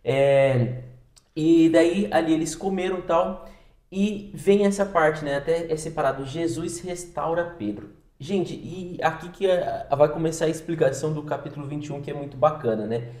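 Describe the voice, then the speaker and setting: A man's voice: on the high side, moderate pace, a little mellow. A man co-hosting a podcast, discussing Bible passages in a casual, conversational way with frequent tag questions. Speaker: podcast co-host. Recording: roomy echoey sound.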